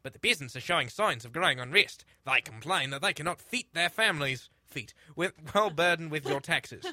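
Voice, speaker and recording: A cruel, arrogant tyrant gloats loudly and theatrically, as a man puts him on. The voice is forceful and bright, and the sound is close and dry. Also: fairly high pitch, animated, fairly quick, no room sound. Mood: gloating.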